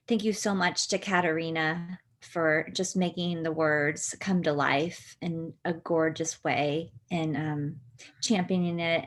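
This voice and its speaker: A woman author giving a warm, hesitant thank-you toast on a video call, with many pauses. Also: on the low side.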